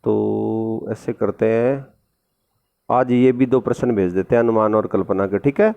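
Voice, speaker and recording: A man's voice: fairly low pitch, fairly even intonation, unhurried, gravelly. A man teaching a recorded school lesson with a sore throat, explaining patiently and repeating tag questions. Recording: dull lo-fi recording.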